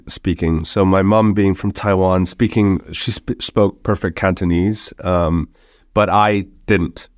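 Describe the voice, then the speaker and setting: This podcast interview features a young Hong Kong startup founder whose lowish voice carries a slight American international-school accent. He chats casually, often restarting sentences and using fillers. The sound is clean studio audio with no echo.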